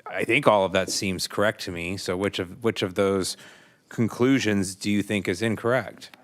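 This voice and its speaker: A middle-aged male judge with a low, deep voice questions from the bench. He sets out each point precisely and in measured phrases. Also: fairly even intonation. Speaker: appellate judge. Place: large courtroom. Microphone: bench gooseneck microphone.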